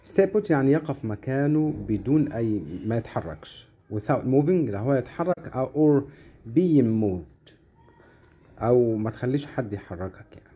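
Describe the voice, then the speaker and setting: A man with an Egyptian Arabic accent teaching short English lessons, saying English words slowly one at a time and explaining them in quick Arabic asides. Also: mid-range voice, expressive, mellow.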